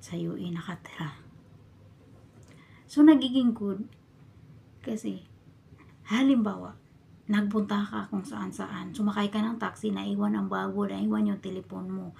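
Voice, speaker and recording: A woman from the Philippines talks to her viewers in a casual storytelling vlog, recorded in a bedroom. Her voice is deeply gravelly with constant fry, and her tone stays dark and mellow. She keeps sinking into a soft, hushed whisper. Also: steady tone, a little slow, long pauses, a little hiss or hum. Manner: often drops into a hushed whisper. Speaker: vlogger and domestic worker abroad. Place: a bedroom in her employer's home.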